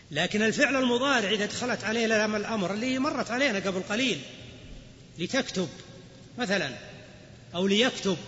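A man's voice: high-pitched, sharp tone, slight background noise. A man teaching grammar as a classroom lecture, explaining rules and then quizzing his students. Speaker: Islamic scholar teaching grammar. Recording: lo-fi recording with long hall reverb.

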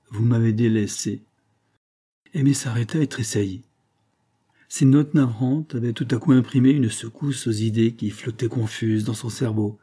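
Man, audiobook narrator, measured reading, husky, dark tone. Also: medium pitch. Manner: steady, measured literary reading. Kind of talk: scripted narration.

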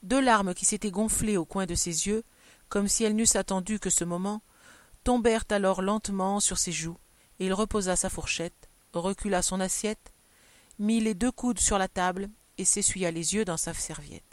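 A woman narrating a short story in a measured, expressive literary reading. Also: medium pitch, dry recording.

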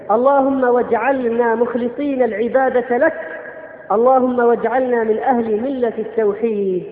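A man preaching a sermon, correcting common phrases and repeatedly addressing his listeners as brothers. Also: extremely high pitch. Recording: tinny lo-fi recording in an echoey hall.

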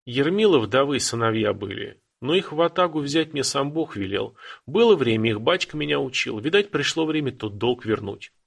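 A man reading an audiobook, playing a firm, decisive young Cossack leader who gives orders in a gravelly, husky voice. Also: mid-range voice, animated, moderate pace, few pauses, voice pushed up. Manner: firm, commanding.

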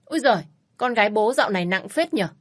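A woman's voice: a little high, expressive, fast talker. Woman putting on a smug, pushy ex-husband. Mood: smug teasing. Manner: wheedling, mocking, overly familiar. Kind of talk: storybook narration.

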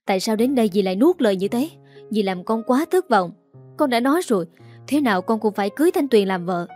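A woman's voice: a little high, expressive, fast talker, a little mellow, soft background music. A woman voicing an earnest young man who pleads with his stepmother in a firm but pleading way.

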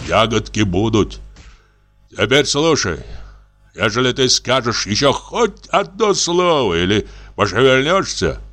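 A man voicing a shabby, bullying barber who threatens in a gruff, barking way. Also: mid-range voice, fairly bright tone, exaggerated voice.

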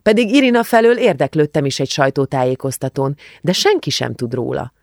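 Audiobook figure: male narrator doing a knowing young woman friend, matter-of-fact, gravelly tone. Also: fairly high pitch, animated, no room sound, studio quality. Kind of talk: audiobook character voice.

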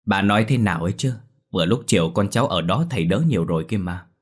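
A man's voice: low-pitched, lively intonation, fast talker, husky. A man voicing a grumbling, tight-fisted younger son, in a spoken story. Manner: scoffing.

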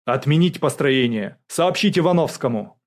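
A man's voice: mid-range voice, measured pace, a little mellow, lightly acted. A man voicing a bewildered army general. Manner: confused, hesitant. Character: bewildered older male general.

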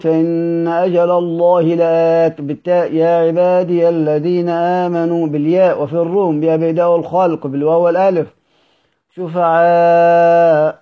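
A man teaching from a classical text, reading it at a measured pace and drawing out the quoted verses slowly. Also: on the high side. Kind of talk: recorded study session reading. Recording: dull lo-fi recording.

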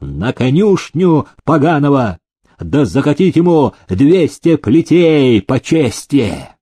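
A man voicing a domineering old factory owner who shouts slow, drawn-out threats. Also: mid-range voice, very animated, breathy edge, dry recording, studio quality, heavily acted.

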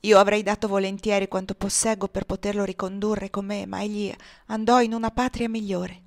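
A woman voicing an earnest, moved young man who speaks low and sorrowfully. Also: level tone, brisk, close to an everyday voice.

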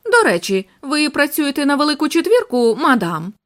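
A woman doing a shrewd old detective, calm and firm, high voice with a lively range, audiobook. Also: normal speed. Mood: measured. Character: shrewd elderly male Belgian detective.

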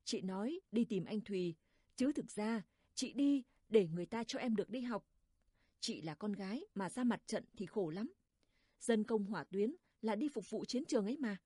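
A gentle young village brother reasons with his sister in a worried voice, as a woman narrator reads him. The sound is dark and breathy, close and dry. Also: medium pitch, animated, moderate pace, no room sound.

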